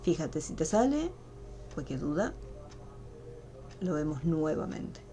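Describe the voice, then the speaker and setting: A woman's voice: sits low, big pitch swings, slow pace, warm tone, soft background music. Patient woman teaching a class. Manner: patient, step-by-step explaining. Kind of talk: online class. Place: home room, online video call. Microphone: computer mic on a video call.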